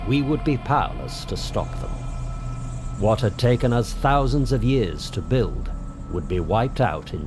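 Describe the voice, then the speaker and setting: A British man narrating a story in a measured, dramatic reading. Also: fairly low pitch. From Britain. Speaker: author and narrator.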